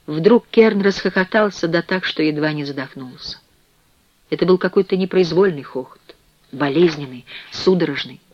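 Man narrating an audiobook, fairly high voice. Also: moderate pace, no room sound. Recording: dry, slightly dull studio recording.

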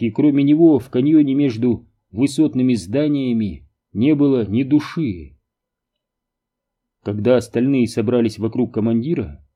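A man narrating an audiobook in an even, measured reading. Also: medium pitch, breathy edge.

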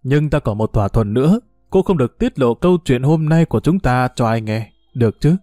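A man's voice: mid-range voice, expressive, brisk, warm tone, no echo, studio quality, soft background music, natural voice. A man voicing a proud, teasing old retired official who talks in a boastful, bureaucratic way. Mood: gentle.

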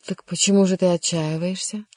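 Brief: reader doing a fatherly king, warm and coaxing, mellow dark tone, dry close read. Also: mid-range voice, level tone, a little fast, no echo, natural voice. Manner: warm, coaxing, sometimes vexed. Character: kindly insistent older male king. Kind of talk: audiobook character reading.

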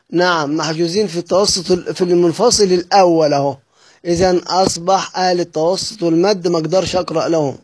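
A man with an Egyptian Arabic accent teaching the rules of Quran recitation, posing questions and answering them himself, and chanting verses slowly. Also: high voice, darkish tone, no room sound. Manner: asks and answers his own questions.

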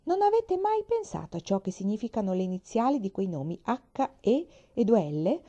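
A woman's voice: low-pitched, lively intonation, normal speed, a little mellow, highs cut off. A woman reading the lines of a stern, prudish, spiteful old grandmother. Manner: stern, scandalized.

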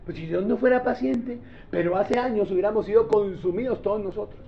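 A man's voice: sits high, fairly quick, gravelly, a little hiss or hum. A man preaching a sermon as pastor, emphatic and asking the congregation questions. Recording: dull lo-fi recording.

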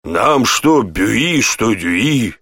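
A man voicing a rude, gap-toothed male gate guard who talks gruffly and grumbles, raised above his own voice. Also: fairly low pitch, very animated, very slow, a bit bright, no room sound, clean studio sound, full character voice. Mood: grumbling.

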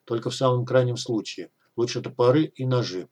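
A man voicing a gruff, weary male guide who gives blunt instructions in an audiobook. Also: medium pitch, fairly quick, a little mellow, natural voice. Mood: gruff, instructing.

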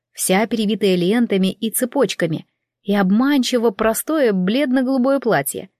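A woman's voice: mid-range voice, darkish tone, no room sound, clean studio sound. A woman narrating an audiobook in first person, in a wry, chatty, ironic tone.

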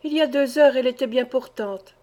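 A woman's voice: high-pitched, a little fast, a little mellow, natural voice. A woman voicing an earnest young orphan boy in a storybook reading, pleading and sincere.

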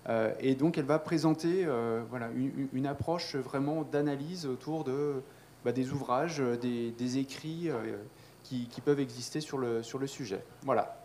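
Male conference host, medium pitch, halting introduction, slight background noise. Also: a little mellow. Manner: very halting, searching for words. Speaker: event host introducing a speaker.

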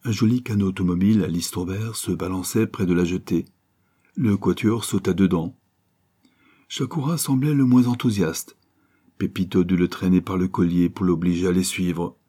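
A man narrating an adventure novel aloud in a measured, even reading. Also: sits low, husky. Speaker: audiobook narrator. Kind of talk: scripted narration.

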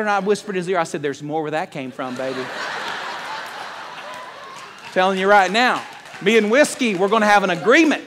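High-voiced preacher telling a funny story. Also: male voice, a little hiss or hum. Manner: animated storyteller, laughs through his punchlines. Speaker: pastor. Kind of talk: sermon with humorous storytelling.

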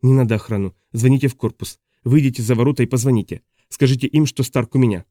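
A desperate young woman pleads for help in an audiobook, read by a man. The voice stays dark and mellow, recorded close and dry with no room sound. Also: medium pitch, fast, no room sound, lightly acted. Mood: pleading. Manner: urgent pleading.

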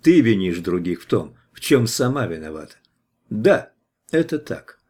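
A man reading an audiobook voices a steady, tough hero who interrogates a captive in a firm, measured way. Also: medium pitch.

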